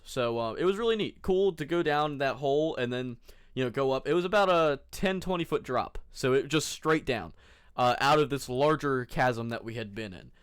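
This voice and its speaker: A man's voice: medium pitch, fairly bright tone, clean tone, no room sound, clean studio sound. A man narrating his own trip as a vlogger in a casual, rambling, jokey and laid-back way, with informal slang.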